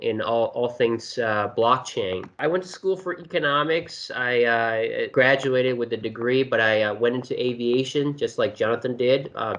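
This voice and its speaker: A man from China, a guest in an interview, explaining things casually with many pauses and restarts. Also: mid-range voice, a bit bright. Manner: hesitant, many fillers and restarts.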